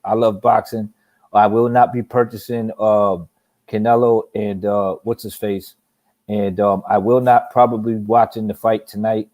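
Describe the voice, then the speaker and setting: A man co-hosting a casual boxing talk show, talking in halting bursts with repeated words and frequent laughs. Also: on the low side, little pitch movement, darkish tone. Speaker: boxing podcast co-host. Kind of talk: casual chat.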